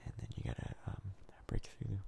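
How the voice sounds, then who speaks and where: A male video host offers ASMR gameplay commentary that is hushed, casual and halting, his breathy voice mostly whispered.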